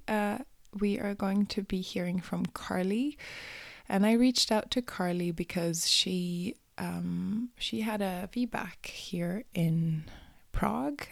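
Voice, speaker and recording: Woman, podcast host, soft-spoken, whispery asides, fry in the voice. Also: mid-range voice, dry recording. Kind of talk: podcast interview.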